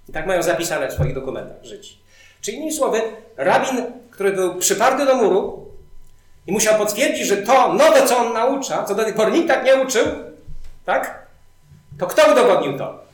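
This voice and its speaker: A male preacher giving a sermon, telling stories animatedly and building up emphasis. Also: sits high. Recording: very echoey hall.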